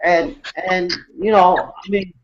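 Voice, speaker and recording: A man with a high, light voice tells a long story in loose, casual talk, stopping and restarting often. His voice comes through a video call with muffled, lo-fi sound. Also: level tone, slow pace, slight background noise. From New York City, USA. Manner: rambling, many fillers and restarts. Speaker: host of an online hangout.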